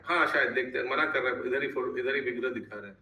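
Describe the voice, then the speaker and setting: Casting: male scripture teacher on a video call, bright voice, echoey sound. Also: mid-range voice, slight background noise. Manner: leads verse recitation slowly, then explains in casual Hindi. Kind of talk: online scripture class, explaining verses.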